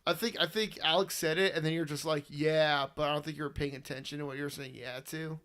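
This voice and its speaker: A man's voice: fairly high pitch, fairly even intonation, fast talker, fairly bright tone. A young man hosting a casual late-night chat, joking and laughing often, sleepy and yawning. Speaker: podcast host.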